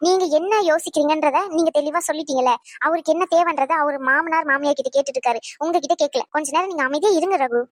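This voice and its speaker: A woman's voice: high voice, fast talker, few pauses, no echo, studio quality, natural voice. A woman voicing a young wife in a cartoon, pleading and soothing her angry husband.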